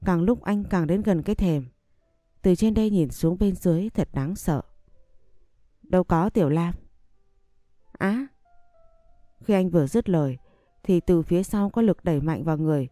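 A woman reads a first-person audio story calmly and evenly. Her voice is low and mellow, recorded close in a dry space, with faint music behind her. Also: fairly quick, no echo.

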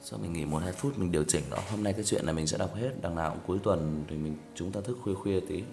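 A man with a very low voice and a gravelly rasp, chatting casually to his livestream listeners. He rambles and repeats himself, talking straight to them, while soft music plays faintly behind him. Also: fast talker. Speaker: story reader on a livestream.

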